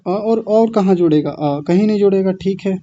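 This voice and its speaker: A man's voice: sits high, moderate pace, mellow. A man teaching pronunciation in an online class, breaking words into syllables and correcting students patiently. The audio comes through a slightly muffled online microphone.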